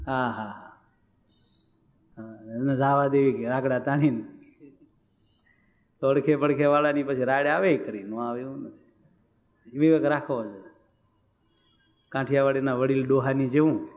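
A man giving a devotional sermon, chanting Sanskrit verses and then explaining them in plain, joking talk. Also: fairly high pitch. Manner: humorous, teasing asides. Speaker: religious preacher. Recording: tinny phone-like audio.

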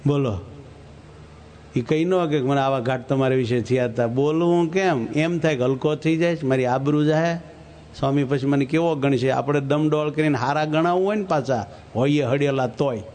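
A man's voice: medium pitch, moderate pace, darkish tone, slight background noise. A man, telling a religious story in a folksy sermon and exhorting his listeners. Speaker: preacher.

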